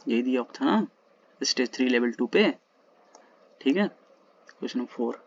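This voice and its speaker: A man working through old exam questions in a casual lesson, reading the English question text slowly and then explaining quickly in Hindi, recorded at home at night. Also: mid-range voice, lively intonation, creaky, dull audio, a little hiss or hum. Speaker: exam-prep teacher.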